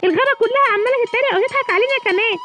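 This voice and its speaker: A woman's voice: very high voice, racing, pitched above the performer's own voice. A woman with an Egyptian accent voicing an upset little girl in a children's toy story. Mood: reproachful. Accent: Egyptian Arabic. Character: upset little girl scolding her grandmother. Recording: music playing behind.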